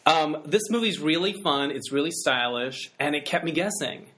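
A man's voice: on the high side, expressive, moderate pace, sharp tone, slightly rough. A man with a standard American accent, hosting a podcast in a casual, conversational way. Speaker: podcast host.

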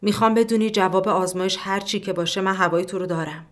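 A woman's voice: mid-range voice, natural voice. A woman reading the part of an anxious young man. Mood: uneasy.

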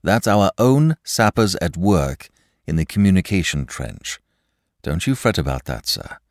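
A man voicing a calm, loyal manservant who soothes his master in a low, steady voice. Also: a little slow, dry recording, clean studio sound, exaggerated voice. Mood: soothing.

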